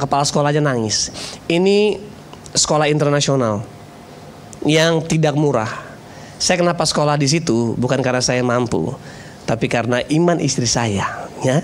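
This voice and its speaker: A man's voice: a little high, normal speed, long pauses, a little hiss or hum. A man in his thirties, a pastor preaching a sermon, telling a personal story with jokes and acting out conversations. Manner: storytelling, jokey, acts out dialogue.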